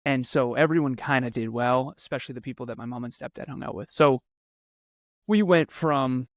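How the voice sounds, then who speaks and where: A man's voice: medium pitch, brisk, no room sound. Earnest man in his thirties. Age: 30s. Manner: earnest, repeats words for emphasis. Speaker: podcast guest, speaker and coach. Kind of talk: conversational interview storytelling.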